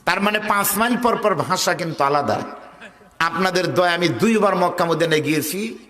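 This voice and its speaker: A man's voice: on the high side, sharp tone, in a large hall. A man from Bangladesh with a northern Bangladeshi Bengali accent, preaching a waz sermon to a crowd, urging them to call back and mimicking regional dialects. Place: outdoor religious gathering over loudspeakers.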